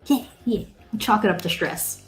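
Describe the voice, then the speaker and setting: A woman's voice: medium pitch, unhurried, soft background music, low-quality recording. A woman running a tabletop game as game master, laid-back and chatty, sprinkling in filler words.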